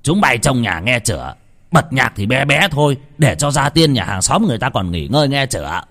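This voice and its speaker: A man voicing a gruff older village sorcerer who scolds and curses bluntly. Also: mid-range voice, very animated, a little fast, a bit bright, pitched above the performer's own voice. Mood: scolding.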